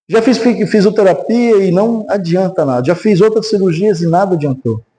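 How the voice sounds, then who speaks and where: A man's voice: high-pitched, fairly quick, rough recording. A man with a Brazilian Portuguese accent, a pastor preaching a sermon in a church, telling a testimony with acted-out voices and leading a prayer. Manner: animated storytelling, acts out quoted voices. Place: church sanctuary.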